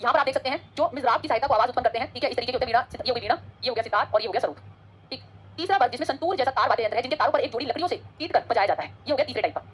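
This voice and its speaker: Teacher, female, rapid-fire exam-prep lecturing, a little husky, pitched slightly high. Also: a bit bright, slight background noise. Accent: Hindi-English code-switching. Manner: fast, chatty, switches between Hindi and English.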